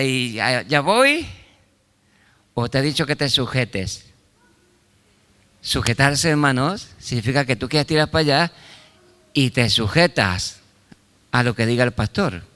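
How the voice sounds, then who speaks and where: A man's voice: medium pitch, a bit bright, in a large hall. An older man, preaching a sermon fervently. He keeps firing rhetorical questions at the congregation and breaking in with short exclamations of praise. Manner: fervent preaching with call-and-response questions and frequent interjections. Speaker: pastor.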